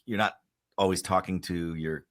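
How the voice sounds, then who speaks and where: Man, host, lower voice, halting questions, video call. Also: steady tone, a bit bright. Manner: halting, many fillers and restarts. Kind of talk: conversational interview.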